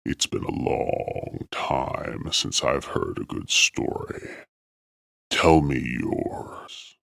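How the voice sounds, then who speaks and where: Deep distorted cave demon. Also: male voice, animated, gravelly, fairly bright tone, no echo, studio quality, full character voice. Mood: hushed coaxing. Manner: slow, amused, menacing. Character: tall red bat-like male demon, calm and sinister.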